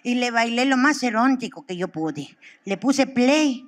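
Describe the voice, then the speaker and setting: A woman's voice: on the high side, lively intonation, measured pace, heavy background noise. A woman in her thirties with a Mexican accent, doing stand-up comedy, crude and profane as she acts out characters.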